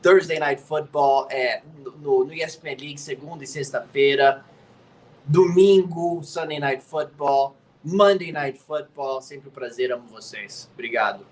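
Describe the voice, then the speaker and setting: A man raised in the United States, an NFL commentator, chats casually as a guest from his home studio, teasing and tagging lines with "né?". His fairly high voice is a little slow, heard in a low-quality recording with slight background noise.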